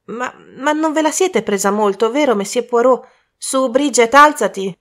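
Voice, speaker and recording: A woman voicing an eager, apologetic young male prankster in an audiobook, with a raised, loud, excitable voice. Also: sits high, normal speed, voice pushed up. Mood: eager, flustered.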